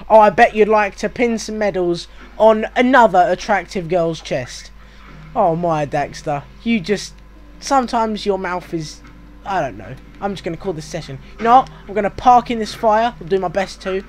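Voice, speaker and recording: A man's voice: sits high, animated, normal speed, slight background noise. A British man hosting a video game walkthrough, chatting casually in a rambling, self-mocking way. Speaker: gaming walkthrough host.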